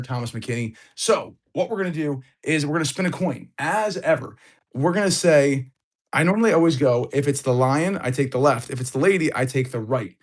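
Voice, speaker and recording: This man hosts a live stream opening cards, hyped up and saying hello to viewers, with a fairly high voice that's a little off from a lingering illness.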